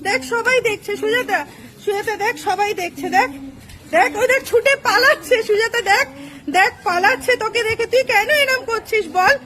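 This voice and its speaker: Very high-voiced woman pleading frantically. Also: moderate pace, bright, forceful tone. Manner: frantic, pleading, repeating herself. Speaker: comedy skit creator. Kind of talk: comic street skit. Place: outdoors by a busy road. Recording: noisy street with passing traffic.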